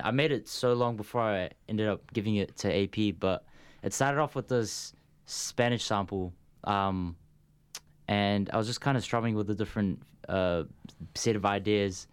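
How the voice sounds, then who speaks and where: A man, a music producer, explaining how he made a track in casual chat, hesitant and halting with ums. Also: fairly low pitch, clean tone.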